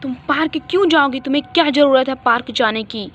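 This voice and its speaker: A woman's voice: sits high, fairly quick, fairly bright tone, faint music behind. A woman voicing a mean, vain older sister in a doll-play story, scolding and bossy. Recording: dull lo-fi recording.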